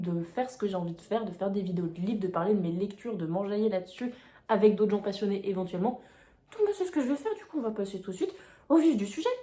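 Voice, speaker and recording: A woman's voice: fairly high pitch, warm tone. A young woman in her twenties chatting enthusiastically about her reading in a casual vlog, filmed at home on a phone. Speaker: book vlogger. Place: home, indoors. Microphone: phone mic. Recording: echoey room on phone mic.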